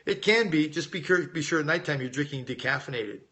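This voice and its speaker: This is a weight-loss coach running a live Q&A, a middle-aged man from the United States who grew up in Las Vegas. He sounds a little high-pitched, expressive and brisk, with a bright, forceful tone. Chatting casually on a live stream, he reads out questions from viewers and responds informally, addressing them directly.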